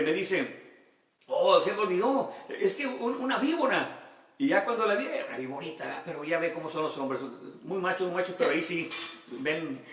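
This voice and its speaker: Male pastor, conversational Bible teacher, high voice, roomy distant recording. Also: a bit bright. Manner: reads verses aloud, then explains them with personal anecdotes; conversational, many rhetorical questions. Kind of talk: Bible study sermon. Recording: echoey room, voice from far off the mic.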